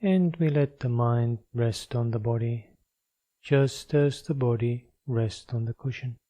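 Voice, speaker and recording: A man guides a meditation in a very dark, mellow voice at a middling pitch. He speaks very slowly and leaves long pauses between phrases. His delivery is measured and instructional, as a teacher leading practice.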